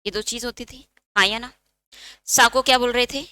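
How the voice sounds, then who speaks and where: A woman's voice: fairly high pitch, steady tone, moderate pace, pushed and bright, smooth, no echo. A woman teaching a Hindi exam-prep lecture, asking questions and answering them herself, and dictating note points.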